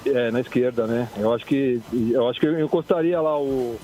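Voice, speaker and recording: Man on a phone line, mellow voice. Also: mid-range voice, a little fast, slight background noise. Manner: hesitant, trails into frequent tag questions. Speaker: caller. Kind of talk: casual football chat.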